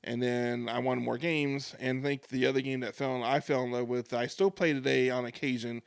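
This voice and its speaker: A man's voice: mid-range voice, little pitch movement, brisk, gravelly, clean tone, no echo, studio quality. A man in his forties, co-hosting a podcast, telling rambling nostalgic stories in casual chat. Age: 40s. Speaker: podcast co-host.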